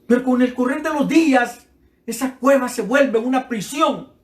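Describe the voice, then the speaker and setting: A man's voice: very high voice, moderate pace, echoey room. A man preaching a sermon with passion, acting out the voices in his stories, with a Central American Spanish accent. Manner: impassioned, acts out dialogue in his stories.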